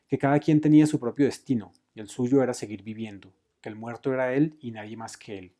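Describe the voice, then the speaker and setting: A man reading a novel aloud expressively, raising his voice for shouted lines. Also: mid-range voice. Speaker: book reader.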